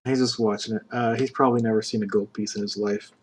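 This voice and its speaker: Relaxed male game master. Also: on the low side, fast, slightly rough. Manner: relaxed, describes scenes with many fillers. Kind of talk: narrating a tabletop game.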